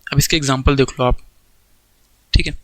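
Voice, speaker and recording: A man's voice: medium pitch, steady tone, moderate pace, no room sound, low-quality recording. A man teaching a grammar lesson in with examples, explaining step by step and checking often that students follow. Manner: explains step by step, keeps checking understanding with "theek hai". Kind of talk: classroom grammar lecture.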